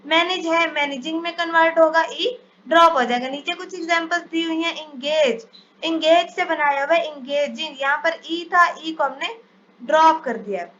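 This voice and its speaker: High bright-voiced woman teaching spelling. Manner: explains step by step, reads English rules slowly. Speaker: English teacher. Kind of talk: spelling lesson over slides. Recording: dull lo-fi sound, faint hiss.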